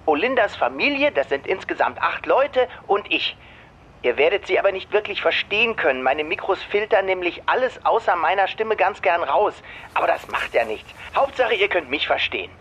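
A man's voice: high-pitched, sing-song, moderate pace, sharp tone, slightly rough, full character voice. An actor playing a forgetful young man on a video call, stammering and flustered over food names. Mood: cheerful. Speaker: friend trying to impress his girlfriend's family. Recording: dull lo-fi call audio with faint noise.

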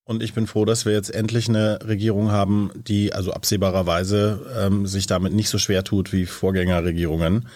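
Very deep-voiced young man from Bavaria. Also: little pitch movement, darkish tone. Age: young adult. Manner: measured, many filler pauses. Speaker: member of parliament, guest. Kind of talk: casual interview answers.

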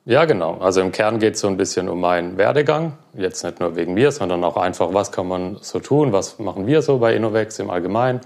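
A young man being interviewed, talking relaxed about his work with many fillers. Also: sits low, a little fast, gravelly, hardly any pauses. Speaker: guest, cloud platform engineer. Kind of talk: casual interview.

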